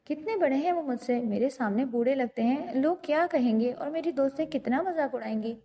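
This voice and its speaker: A woman's voice: high-pitched, dark tone. Woman voicing a frightened stubborn young woman. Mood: upset. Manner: pleading, tearful.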